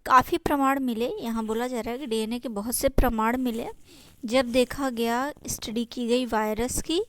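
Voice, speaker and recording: A woman teacher with an Indian accent, going through exam notes, reading English lines slowly and explaining them in Hindi, often asking and answering her own questions. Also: a little high, fairly even intonation, slight background noise. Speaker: biology teacher. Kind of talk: exam-prep lesson.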